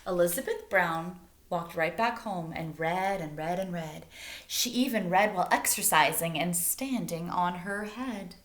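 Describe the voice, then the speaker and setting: Reading a picture book aloud in a teacherly, expressive way, a woman with a fairly low voice stops now and then to explain things and ask the young listeners questions. The room sounds spacious and echoey.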